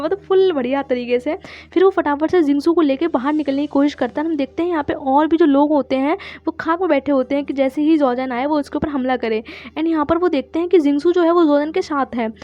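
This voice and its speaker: A woman with a high, bright voice retells a drama's story in a casual, chatty way. She briefly quotes the characters' lines and leans on filler words as she goes. The recording is dull and lo-fi. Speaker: channel host retelling a drama.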